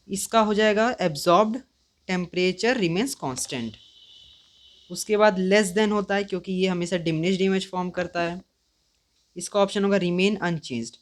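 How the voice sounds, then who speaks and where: A teenage boy talking casually through his exam answers, thinking aloud with fillers and self-corrections. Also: high-pitched. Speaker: student reviewing an exam paper.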